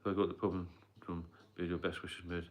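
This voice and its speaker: Delivering flatly at a quick pace in a low voice, the middle-aged British host mentors listeners on sobriety. His casual live stream rambles, with many fillers and coughs.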